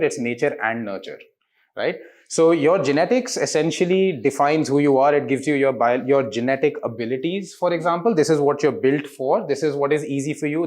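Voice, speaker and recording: A diagnostics company representative in his 30s answers interview questions in a somewhat high voice with a darkish tone. He's articulate and explanatory, often posing rhetorical questions.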